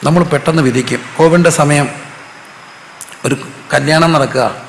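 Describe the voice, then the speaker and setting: A Malayali man preaches, tossing questions to the crowd and hammering key phrases again and again. His voice sits on the high side with a gravelly edge. It carries a long echo through a big hall, with a faint hiss underneath. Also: normal speed. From Kerala, India. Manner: asks the congregation questions and repeats key phrases. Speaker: pastor. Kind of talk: sermon with call and response. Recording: echoey hall with faint background noise.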